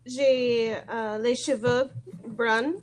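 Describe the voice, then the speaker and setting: A woman whose voice is a little high speaks very slowly with fairly even intonation during halting French conversation practice. She's an American native English speaker new to French, shy and nervous, hesitating while she looks for each word.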